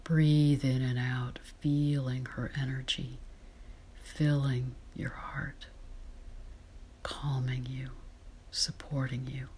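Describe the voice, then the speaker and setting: A woman leading a guided meditation in a soft, breathy whisper, slow and soothing. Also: very deep voice, flat delivery, slight background noise.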